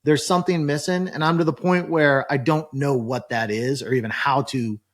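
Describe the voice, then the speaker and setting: A man's voice: a little high, steady tone, normal speed. A man hosting a casual interview as a learner, talking in an informal, colloquial way. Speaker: host and learner.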